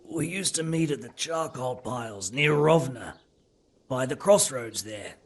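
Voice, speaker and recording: An actor playing a captured brigand under interrogation in a game, sardonic and evasive. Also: male voice, mid-range voice, expressive, a little slow. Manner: sardonic, evasive, rough-spoken.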